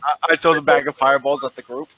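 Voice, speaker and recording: A man's voice: medium pitch, little pitch movement, fast talker, bright, forceful tone, low-quality recording. A man taking part in a tabletop game, talking casually about his moves.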